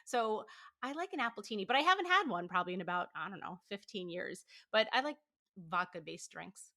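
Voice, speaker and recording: Lively in intonation and sharp in tone, this mid-range voice belongs to a woman in her thirties guesting on a podcast. She keeps the interview casual and chatty, packed with likes and fillers and punctuated by quick laughs.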